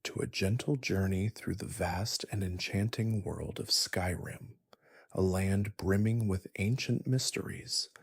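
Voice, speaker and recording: A man narrating a bedtime story in a soft, gentle, soothing, breathy spa-like whisper, slow and unhurried. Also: deep voice, dry recording, clean studio sound. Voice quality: breathy, husky, partly whispered.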